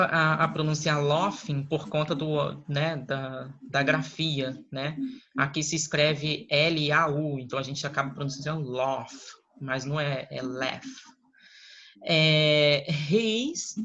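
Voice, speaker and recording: A man, an English teacher giving a recorded class, who explains patiently step by step and keeps checking in with quick question tags. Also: fairly high pitch, sharp tone. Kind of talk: recorded online class lesson. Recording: slightly dull lo-fi recording.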